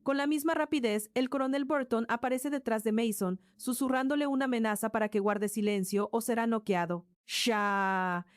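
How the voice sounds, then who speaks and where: A woman's voice: a little high, brisk, hardly any pauses, a little mellow, dry recording, studio quality. A woman narrating a story in a scripted way, voicing sound effects like crashes and thuds along the way.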